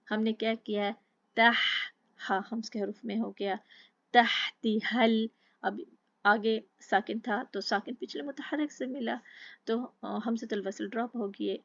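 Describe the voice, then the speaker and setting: A woman teaching tajweed, patiently explaining each letter and then slowly chanting the verse. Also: mid-range voice, creaky, no room sound, muffled recording. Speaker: Quran recitation teacher. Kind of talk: slow tajweed lesson with recited examples.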